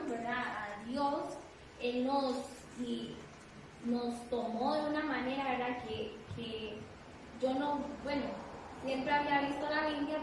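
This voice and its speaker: A woman from a church class, sharing her own experience hesitantly and haltingly, with frequent tag questions. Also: fairly high pitch. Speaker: class participant. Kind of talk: testimony in a class discussion. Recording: echoey room, distant mic, noise.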